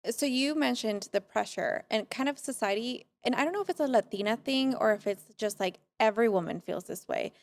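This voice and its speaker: A woman's voice: a little high, a little fast, hardly any pauses. Chatty twenty-something woman host. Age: 20s. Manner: chatty, relatable, asks open questions. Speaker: podcast host. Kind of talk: casual conversation.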